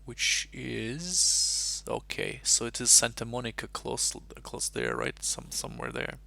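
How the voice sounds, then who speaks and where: A man's voice: mid-range voice, huge pitch swings, a little slow, gravelly, bright, forceful tone. A man from Russia chatting casually on a live stream, rambling and thinking aloud as he solves chess puzzles at his desk mic.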